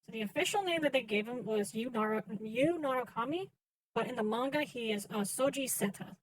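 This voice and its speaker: A woman's voice: a little high, fairly quick, dry recording, rough recording. A woman doing casual live commentary as she plays a game, hesitant and thinking aloud. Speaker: game streamer. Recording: game music behind voice. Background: game music.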